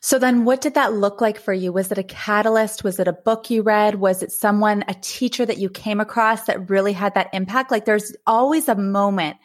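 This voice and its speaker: A woman's voice: mid-range voice, fairly even intonation, brisk, few pauses. A woman hosting a podcast interview, enthusiastic and chatty with her guest. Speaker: podcast host.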